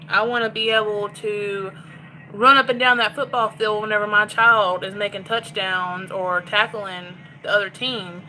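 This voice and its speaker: A woman's voice: medium pitch, steady tone, moderate pace, pushed and bright, a little hiss or hum, low-quality recording. A woman chatting candidly to her phone while cooking in her home kitchen. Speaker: cooking vlogger. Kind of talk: casual chat while cooking.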